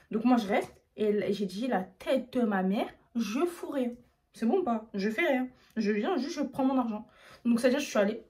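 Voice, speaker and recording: A young woman from France telling a storytime on her vlog, casual and slangy, acting out what people said to her. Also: a little high. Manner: fast, slangy, animated retelling. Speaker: YouTuber.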